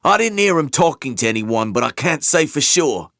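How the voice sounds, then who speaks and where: A man's voice: fairly high pitch, very animated, normal speed, a bit bright, no room sound, studio quality, voice pushed up. A man doing a menacing gangster enforcer. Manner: menacing, threatening. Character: vengeful brutal male gangster enforcer.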